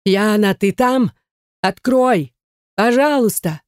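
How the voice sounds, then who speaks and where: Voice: medium pitch, fairly even intonation, a little slow, darkish tone, dry recording, clean studio sound, lightly acted. A reader voicing a young husband who is fierce and tender, growling or pleading. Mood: desperate.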